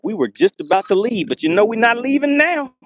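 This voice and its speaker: A man commentating a live fishing stream to his chat from a boat on a lake, excitable and teasing, laughing often. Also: sits high, brisk, no room sound.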